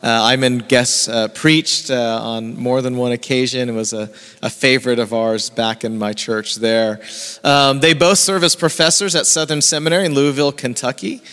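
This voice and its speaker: A man's voice: mid-range voice, fairly even intonation, normal speed, a bit bright, smooth. A man, the pastor, introducing a guest speaker to his church in a conversational, hesitant way. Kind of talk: casual introduction. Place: church sanctuary. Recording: long church reverb.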